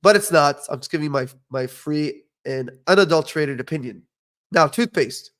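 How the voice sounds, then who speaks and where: Speaking at normal speed in a fairly high, slightly bright voice, a young man with dentistry training hosts a casual educational podcast. He's blunt and opinionated, and he often tags on an "okay?"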